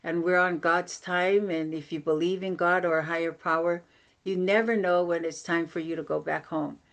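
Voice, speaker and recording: A woman with a slightly low voice leads a motivational team training. She talks in an upbeat, chatty way, full of fillers and repeated phrases. She is from American Samoa and is heard over a video call. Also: steady tone, normal speed. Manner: upbeat, repetitive, conversational with fillers. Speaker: team leader giving a training.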